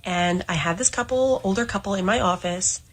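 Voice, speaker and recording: Canadian woman, mid-pitched voice, steady and detailed storyteller. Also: fairly quick, breathy edge, rough recording. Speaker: former financial advisor. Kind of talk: storytelling clip.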